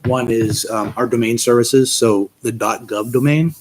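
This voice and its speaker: A man's voice: medium pitch, steady tone, normal speed, darkish tone, poor audio. A man, a town IT director, methodically walking a committee through budget line items with frequent ums, in a meeting recording with faint noise.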